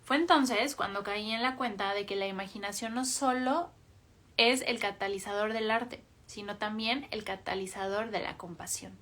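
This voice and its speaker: Woman reader, reads a book aloud, calm and measured, mid-pitched voice. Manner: calm, measured reading with small self-corrections.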